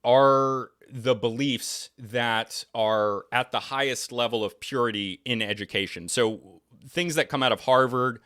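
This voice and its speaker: A man's voice: mid-range voice, a little slow, a bit bright, clear, resonant tone. A young man from New England, talking in casual conversation as a podcast guest, rambling and opinionated with many restarts and fillers. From New England, United States.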